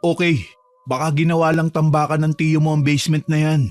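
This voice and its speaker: Calm, reassuring man playing a protective gardener in an audio horror drama, slightly high voice, faint music under it. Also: brisk, dry recording, close to an everyday voice. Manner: calm, reassuring, low-key. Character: calm, protective male servant helping a trapped girl.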